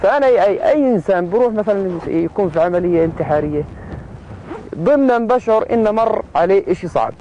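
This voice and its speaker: A man speaks reflectively, very fast and high-pitched. The recording is dull and lo-fi, with faint street noise behind him. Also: lively intonation, mellow. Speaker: interviewee.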